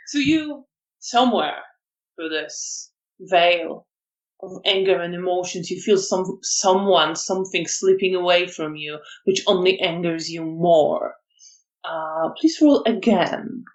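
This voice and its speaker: A woman running a tabletop horror game as storyteller, narrating scenes in a measured way with frequent ums. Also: lowish voice, muffled recording.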